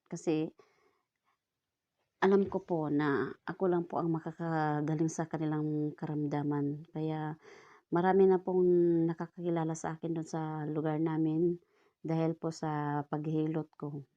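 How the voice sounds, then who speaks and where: A woman's voice: deep voice, little pitch movement, a little slow, pauses often, highs cut off. A woman vlogger with a Filipino accent, telling in a polite, rambling way about her folk massage healing, with many fillers and restarts. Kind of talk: casual testimonial vlog.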